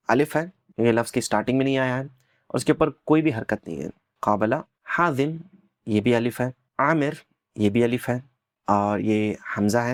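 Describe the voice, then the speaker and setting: A man teaching an Arabic lesson, patiently explaining and slowly repeating words for learners to copy. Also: mid-range voice, no echo, studio quality.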